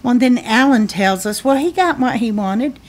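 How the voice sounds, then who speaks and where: A woman's voice: fairly high pitch, animated, normal speed. A woman co-hosting a podcast, chatting casually about a reality show with playful banter and rambling explanations. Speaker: podcast co-host. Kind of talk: casual recap chat.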